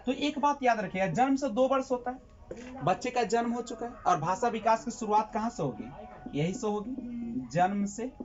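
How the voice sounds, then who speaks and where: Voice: medium pitch, lively intonation, moderate pace, lo-fi sound. A teacher giving a classroom lecture who asks the class questions, answers them himself and repeats key terms.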